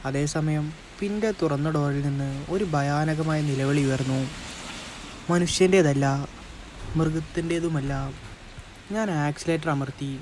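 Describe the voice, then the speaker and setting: A man narrating a first-person horror story in a slow, suspenseful, dramatic manner. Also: on the high side, a little mellow, a little hiss or hum, poor audio.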